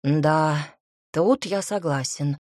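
Brief: female reader as a wry, teasing male dragon in human form, breathy, low. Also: very slow, darkish tone, no echo, clean studio sound, full character voice.

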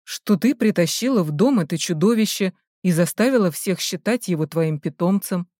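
A woman voicing a devoted young male aristocrat and war hero, speaking low, slow and soft. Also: expressive, no echo, studio quality. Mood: calm.

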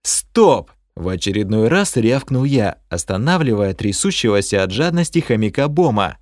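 A man narrating a first-person fantasy audiobook in an expressive storytelling manner. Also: lowish voice, normal speed, no echo, studio quality.

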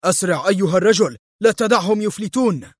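A man playing a raging, scheming villain in an audio thriller, barking commands in a raised, forceful voice. His tone turns sly and menacing, recorded close with a dry sound. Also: fairly high pitch, expressive, normal speed, husky, dry recording. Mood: furious. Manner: barking orders, angry and sly. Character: furious cunning male villain in pursuit.

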